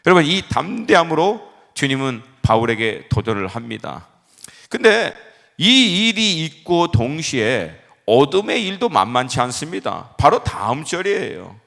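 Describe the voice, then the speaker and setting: A man who is a pastor, preaching a Friday-service sermon in animated storytelling style, acting out the quotes in his stories. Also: a little high, measured pace, vocal fry, in a large hall. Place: church sanctuary.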